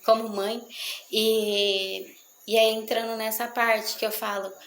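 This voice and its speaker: A woman's voice: fairly high pitch, level tone, slow, a bit bright, echoey room, slight background noise, rough recording. A mother talking earnestly to an audience about raising children, repeating her phrases for emphasis. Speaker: mother speaking on parenting. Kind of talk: testimonial talk to an audience.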